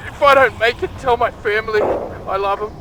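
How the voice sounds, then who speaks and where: A man's voice: high-pitched, completely flat delivery, slow, heavy background noise. An actor playing a desperate stranded survivor, gasping and urgent as he records a log in a panic. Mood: frantic, gasping.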